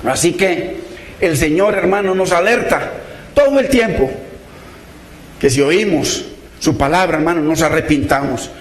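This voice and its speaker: Unhurried and pausing often, a man preaches in a high voice that rings through an echoey room. He sounds earnest and pleading, repeatedly calling out "hermano" to his brothers in faith.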